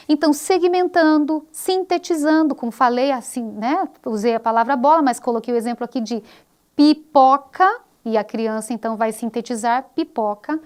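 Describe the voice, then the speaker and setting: High-voiced woman teaching a course. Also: darkish tone. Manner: explanatory, slows down to stress example words. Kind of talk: recorded online course lecture.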